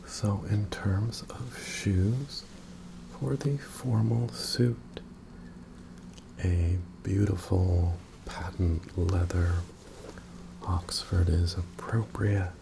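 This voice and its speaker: A man in an ASMR role-play as an attentive, courteous tailor, breathy and softly presenting his wares to a customer. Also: deep voice, noisy background. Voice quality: breathy, mostly soft-spoken.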